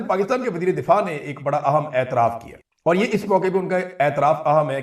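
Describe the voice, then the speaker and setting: A man with a fairly high voice delivers political commentary straight to his viewers, pressing each point and circling back to repeat it. He sounds a little off-mic, with a roomy echo around his words. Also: far from the mic. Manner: emphatic, insistent, repeats key phrases.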